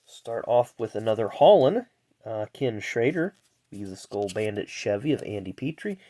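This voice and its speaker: A man's voice: fairly low pitch, sing-song, normal speed, warm tone. Nasal, congested man, casual rambling commentary. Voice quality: nasal, congested, blocked nose. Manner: chatty, reels off names then adds asides. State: stuffed-up sinuses. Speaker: host of a racing trading card pack-opening video.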